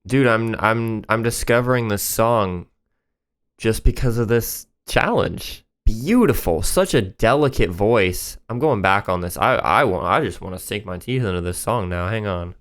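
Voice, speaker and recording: A man's voice: on the low side, unhurried, fairly bright tone. A man hosting a reaction channel, talking casually and enthusiastically about songs as he thinks aloud.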